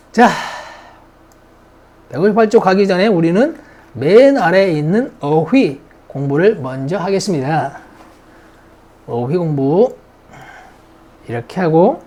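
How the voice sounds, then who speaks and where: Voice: mid-range voice, dark tone. An English grammar teacher, drilling vocabulary in a recorded lesson and chatting to the students between words.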